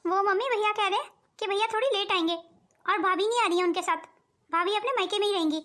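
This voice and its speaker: A woman voicing a young sister-in-law in a cartoon, quick and obliging. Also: very high voice, sharp tone, a little hiss or hum. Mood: chatty. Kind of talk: cartoon voice acting.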